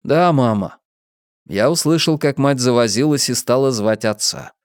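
A man narrating an audiobook in a lively, theatrical reading style. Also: mid-range voice, moderate pace, clear, resonant tone, dry recording, studio quality.

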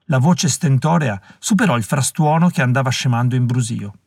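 A man reading a novel aloud as an audiobook narrator, with an expressive, dramatic delivery. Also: mid-range voice, moderate pace, creaky, no echo, studio quality. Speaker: audiobook reader. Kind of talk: scripted narration.

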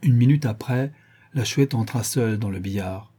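Reading a classic novel for an audiobook, this man uses a medium-pitched voice with a breathy edge. His narration stays measured and even.

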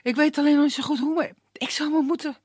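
A man's voice: very high-pitched, fairly even intonation, fast talker, dry recording, clean studio sound, voice pushed up. A storyteller voicing a lovesick young woman who pleads anxiously for directions in a puppet tale. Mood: pleading.

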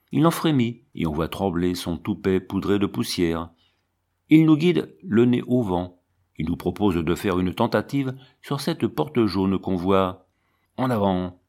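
A man reading a classic novel aloud as an audiobook, in a measured narrating voice. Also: fairly low pitch, a little mellow. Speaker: audiobook reader.

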